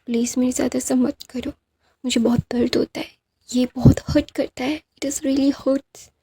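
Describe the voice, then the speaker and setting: A clingy, possessive lover pleads and sulks as if deeply wounded, as a woman storyteller puts him on. The voice is dark and gravelly, held in a narrow pitch. It belongs to a told fan-fiction story. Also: level tone, unhurried, heavily acted. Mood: pleading. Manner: pleading, mock-wounded, mixing in English phrases. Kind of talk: storyteller voicing dialogue.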